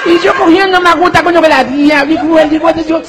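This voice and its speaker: A man from the Dominican Republic telling a comic story in an animated, exclamatory way, acting out his own frightened cries. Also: extremely high pitch, quick pace, background noise.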